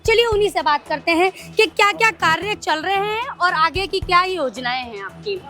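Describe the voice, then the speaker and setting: A woman's voice: very high-pitched, expressive, normal speed, pushed and bright, faint music behind. A female news reporter introducing a candidate and asking probing questions. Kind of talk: news interview.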